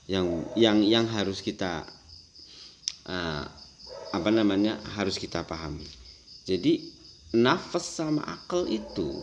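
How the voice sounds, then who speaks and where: A man lectures on Islamic philosophy in an animated way, his pitch rising and falling widely. He poses rhetorical questions and acts out the voices he quotes. A faint background noise sits under the recording.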